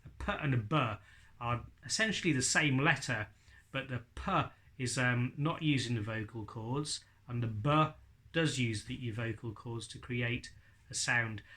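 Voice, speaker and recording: A man's voice: medium pitch, unhurried, fairly bright tone. A middle-aged man giving an informal, chatty ventriloquism lesson with jokey asides. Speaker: ventriloquism teacher. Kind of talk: informal instructional video talk.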